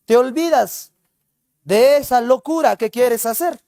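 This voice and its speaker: A male literature teacher recounts a tale as a lesson, jumping in and out of the characters' voices. His delivery is animated and conversational. The sound is dry and close. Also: extremely high pitch, unhurried, creaky, dry recording. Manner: lively retelling, acting out the characters. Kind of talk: storytelling lecture.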